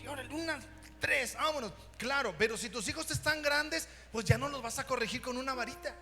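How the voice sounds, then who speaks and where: A middle-aged man with a Mexican Spanish accent, preaching an animated sermon as pastor and mimicking children and parents. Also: extremely high pitch, a little fast. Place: church hall. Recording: long reverb in a church hall, music behind.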